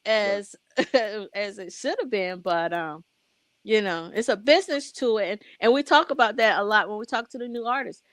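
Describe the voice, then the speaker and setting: Relaxed woman radio co-host. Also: mid-range voice, normal speed, no echo. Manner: relaxed, laughs often, reflective. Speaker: radio co-host and music director. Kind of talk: casual radio talk show chat.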